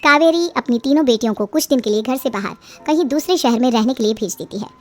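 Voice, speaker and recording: A woman's voice: fairly high pitch, fast. A woman reading a scripted story as its narrator. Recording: music behind the voice.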